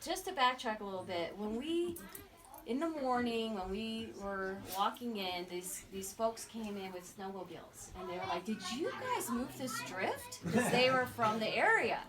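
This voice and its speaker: A middle-aged woman sharing a personal story at a memorial, animated and acting out the voices of others. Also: mid-range voice, moderate pace, noisy background. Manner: animated, acts out quoted voices, laughs often. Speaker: memorial speaker. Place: memorial gathering. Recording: distant mic with crowd around.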